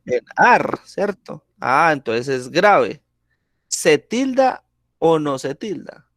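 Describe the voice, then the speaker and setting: Guy teaching class on a video call, super slow, keeps asking "¿sí?", dry close sound. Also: on the high side, sing-song, a bit bright, no room sound. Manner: slow, patient, checks in with frequent "¿sí?". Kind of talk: classroom grammar lesson.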